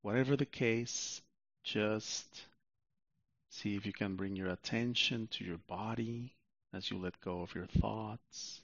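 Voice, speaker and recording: A man narrating a guided sleep meditation like a sleep story, soothing and unhurried, with long pauses, on a muffled recording. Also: lowish voice, vocal fry, dry recording.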